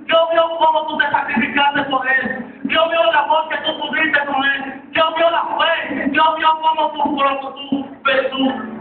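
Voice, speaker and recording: A man preaching a sermon in a church, emphatic and repetitive, with long dramatic pauses. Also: extremely high pitch. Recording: very echoey, distant, phone-like church recording.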